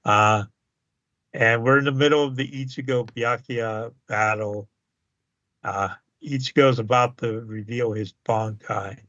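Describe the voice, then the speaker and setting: A man co-hosts a podcast at an unhurried pace, stumbling through fillers and restarts. His voice sounds a little dull and lo-fi, close and dry. He chuckles often as he talks. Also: medium pitch, fairly even intonation, sharp tone, no room sound. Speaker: podcast co-host. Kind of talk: casual podcast chat.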